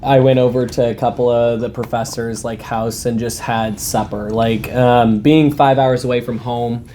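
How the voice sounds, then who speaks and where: A man's voice: medium pitch, steady tone, normal speed, warm tone, a little hiss or hum. A young man in his twenties, a recent graduate being interviewed, talking in an easygoing, rambling way with frequent laughs. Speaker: guest alumnus. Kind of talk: casual interview chat.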